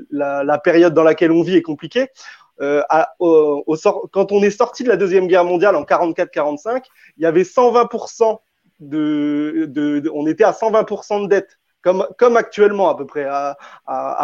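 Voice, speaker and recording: A man's voice: on the high side, a little mellow, no room sound. A man arguing in a debate, hesitant, often restarting and repeating words. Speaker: debate panelist. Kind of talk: spontaneous debate argument. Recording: dull, dry lo-fi audio.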